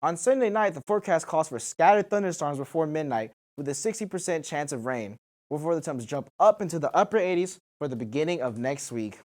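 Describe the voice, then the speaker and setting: A man's voice: on the high side, expressive, fairly quick, a little mellow. A teenage boy presenting the weather on a student news show, reading temperatures and rain chances steadily. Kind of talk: scripted weather report.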